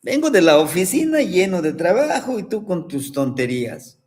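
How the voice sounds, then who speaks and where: A man's voice: high-pitched, very animated, normal speed, darkish tone. A man voicing a tired, overworked father caterpillar. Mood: weary. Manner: weary, sighing.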